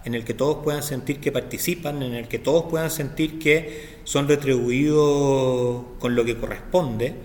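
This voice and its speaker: A man's voice: mid-range voice, fairly even intonation, moderate pace, darkish tone, big-room sound. A middle-aged man with a Chilean accent, speaking as an interview guest in a hesitant, reflective way with frequent restarts. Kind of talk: interview conversation.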